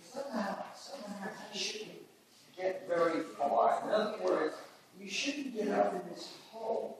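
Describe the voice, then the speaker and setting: A man's voice: high-pitched, animated, a little slow. A man directing actors at a rehearsal, encouraging and hands-on, often repeating himself. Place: rehearsal stage. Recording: echoey room from far off, background noise.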